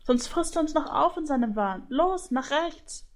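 A fussy, quarrelsome goose lady, put on by a woman reading aloud. Her voice sits noticeably higher and snaps with impatience in a storybook reading. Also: animated, measured pace. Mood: hurried bickering.

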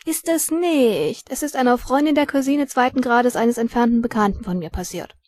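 A woman's voice: a little high, moderate pace, darkish tone, no room sound, clean studio sound, pitched above the performer's own voice, lightly acted. A woman voicing a pale boy who insistently spreads gossip in a read-aloud story.

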